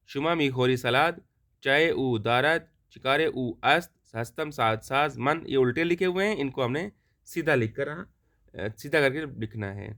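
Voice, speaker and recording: A man teaching a Farsi lesson, reading sentences slowly for pronunciation and explaining them quickly. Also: medium pitch, fairly bright tone. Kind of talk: language lesson explained in Urdu.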